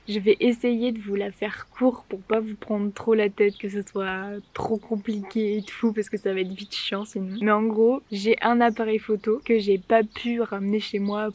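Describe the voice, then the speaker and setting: A woman's voice: medium pitch, a little mellow. A young woman vlogger telling stories in a casual, rambling and informal way, as if chatting to friends. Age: young adult. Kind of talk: casual chatty vlog storytelling.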